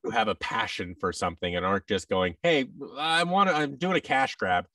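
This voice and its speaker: In a lowish, animated voice that runs a little fast, a thirtysomething American voice actor chats as an interview guest, restarting and performing bits of dialogue. His tone is bright and forceful, and the dry, studio-quality audio sounds recorded from a distance. He's on a video call in a large indoor room with tables, using a boom-arm mic with headset.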